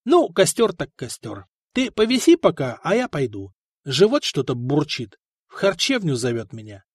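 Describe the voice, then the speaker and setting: A man's voice: fairly high pitch, huge pitch swings, normal speed, husky, no room sound, clean studio sound, full character voice. A man voicing a sly male court notary who talks with false, sarcastic sympathy. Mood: wheedling.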